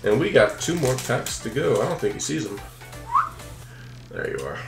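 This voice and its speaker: Over background music, a young man who runs a card-opening channel chats playfully with viewers and his pet as he opens trading cards. His medium-pitched voice is creaky, with lively intonation, at a normal speed. The small home room is reverberant.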